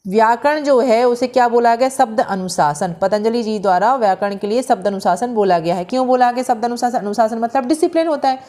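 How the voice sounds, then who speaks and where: Woman teacher, somewhat high voice, slow explaining lecture, asks herself questions, mixes in English terms. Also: warm tone. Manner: explains slowly, often asks and answers her own questions; draws out the vowel sounds when she demonstrates them. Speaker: Sanskrit teacher. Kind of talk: lecture explaining handwritten notes.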